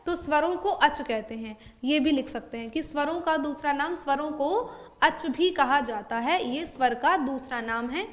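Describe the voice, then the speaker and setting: A woman's voice: sits high, moderate pace. A woman teacher explaining a grammar lesson, often asking a question and then answering it herself. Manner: asks and answers her own questions.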